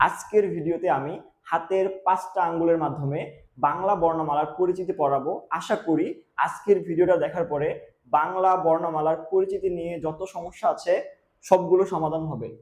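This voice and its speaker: A young man from Bangladesh teaches a class lesson in a fairly high but mellow voice. He asks his own questions and answers them, hitting key terms hard. The sound is echoey, like a bare room. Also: fairly even intonation, brisk. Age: young adult. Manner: stresses key terms loudly.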